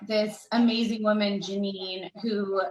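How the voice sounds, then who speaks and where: A woman's voice: mid-range voice, level tone, measured pace, darkish tone. Chatty woman on an echoey call. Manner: rambling, chatty, many fillers. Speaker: panelist. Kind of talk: casual panel conversation.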